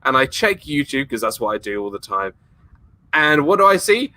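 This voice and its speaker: Sharp-toned and very animated, a man speaks at normal speed in a mid-range voice with no room sound. As a guest on a casual livestream, the YouTuber and ex-theme park worker chats enthusiastically, wandering off topic and laughing frequently.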